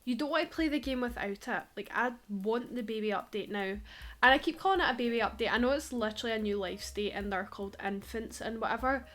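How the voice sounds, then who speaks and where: Scottish woman vlogger, chatty and rambling, voice sits a bit high. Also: fast talker, fairly bright tone. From Scotland. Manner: chatty, rambling, laughs often. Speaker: Sims YouTuber. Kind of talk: casual gameplay commentary.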